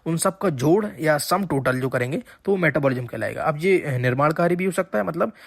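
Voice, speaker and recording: A man gives an exam-prep lecture in a slightly high voice. He explains patiently, repeats the key points and keeps checking that students follow. The sound is dry and close to the mic. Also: expressive, a little fast, gravelly, no echo. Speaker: teacher.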